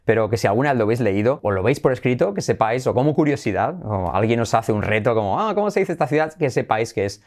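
Talking quickly with hardly any pauses, a low-voiced man from Spain teaches English pronunciation bilingually in his Spanish accent. He's playful and repeats words with exaggerated emphasis.

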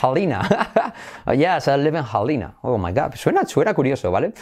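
Speaking at a moderate pace in a sing-song, mid-range voice with a darkish tone, a man from Spain teaches English pronunciation in two languages. His Spanish accent comes through as he playfully repeats words with heavy emphasis.

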